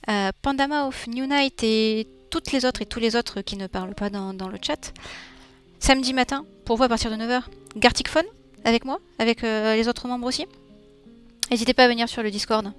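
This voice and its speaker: A woman's voice: fairly high pitch, moderate pace, clear, resonant tone, soft background music. A woman livestreaming while she draws, chatting with viewers and thinking aloud with playful little sound effects. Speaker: streamer. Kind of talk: casual livestream chat while drawing.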